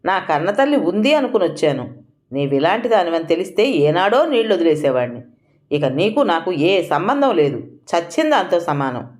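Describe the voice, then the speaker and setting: A woman reading an audio story, voicing an angry young adult son who shouts his scorn at his mother. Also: lowish voice, very animated, moderate pace. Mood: furious. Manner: shouting, contemptuous.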